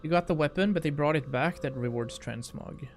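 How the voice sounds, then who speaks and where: A man with a fairly high, brisk voice and some vocal fry livestreams a video game. He chats casually with his viewers in slangy language as he plays, with game music behind him.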